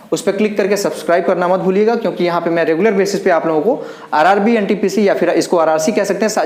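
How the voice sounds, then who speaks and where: A man's voice: high voice, a little mellow. A man teaching a maths lesson, talking students through each step and counting aloud as he writes. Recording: roomy echo.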